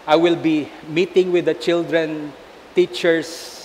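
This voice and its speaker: High-voiced Filipino bishop preaching in a church. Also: male voice, slow. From Philippines. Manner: animated storytelling, asks the congregation "Amen?". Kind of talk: sermon mixing Tagalog and English. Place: large church. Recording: long church reverb with faint hiss.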